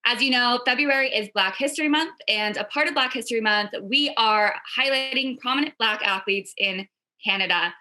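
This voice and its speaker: A woman's voice: a little high, moderate pace, pushed and bright. A woman from the club staff giving an upbeat, scripted introduction to a live interview. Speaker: team staff presenter.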